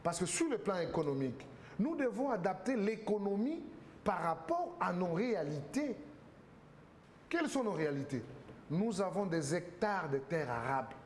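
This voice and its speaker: A man's voice: sits high, very animated, normal speed, slight background noise. A man, a political guest on a TV talk show, arguing emphatically with rhetorical questions and repeated words. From Congo.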